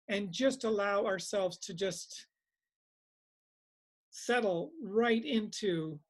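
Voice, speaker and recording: A man's voice: high-pitched, husky, low-quality recording. A man teaching meditation informally, reflective and repeating phrases for emphasis.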